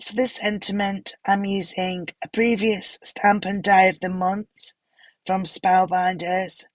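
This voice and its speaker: A woman with a hoarse, unwell voice, gently narrating a craft tutorial voiceover with some apologetic pauses. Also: medium pitch, flat delivery, no room sound, faint music behind. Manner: gentle, apologetic, stops for fillers. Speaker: card-making tutorial host.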